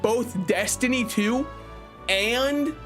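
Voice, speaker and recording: A man's voice: very high-pitched, extremely slow, a bit bright, faint music behind. A man giving casual, opinionated live-stream commentary on games, conversational and joking. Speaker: game streamer.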